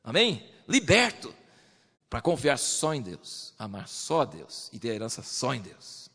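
A man preaching a sermon, lively, acting out believers in quoted voices. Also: mid-range voice, unhurried, husky, in a large hall.

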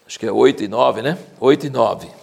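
A man with a Brazilian Portuguese accent teaching the Bible in a conversational, informal way, reading scripture slowly and emphatically and dwelling on its irony. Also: mid-range voice, vocal fry. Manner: animated, informal, leans into irony and sarcasm.

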